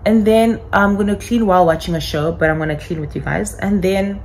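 A young adult woman vlogging casually to camera in her apartment, talking softly and wearily, soothing herself. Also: mid-range voice, a little fast, slight background noise, low-quality recording. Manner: soft, tired, self-soothing. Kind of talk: casual vlog talk to camera. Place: small apartment indoors.

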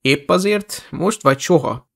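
A man's voice: gravelly, fairly bright tone, dry recording, clean studio sound. A man voicing a blunt, loyal teenage boy in an audiobook. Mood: serious. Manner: serious, low-key.

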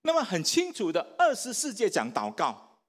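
A man's voice: sits high, wildly swooping pitch, normal speed, a bit bright. A man preaching as a pastor at a church service, often asking the congregation questions and leading them in recitation, with light jokes. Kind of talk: sermon.

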